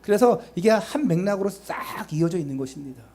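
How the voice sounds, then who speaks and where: A man's voice: sits high, expressive, brisk, dark tone. A male pastor preaching a sermon, urging the congregation with rhetorical questions and chatty asides to them.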